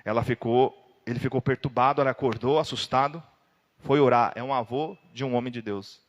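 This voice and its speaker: In a church hall with long, ringing reverb, a Brazilian man with a Brazilian Portuguese accent delivers a sermon, telling his story dramatically and erupting into sudden loud outbursts. His pitch is mid-range for a man, his pace brisk, and the sound lo-fi.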